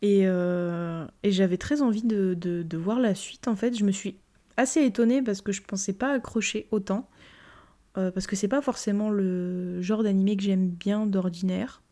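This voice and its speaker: A woman's voice: mid-range voice, fairly even intonation, normal speed, dark tone. A young woman casually reviewing anime, rambling with many fillers and repeated "very, very".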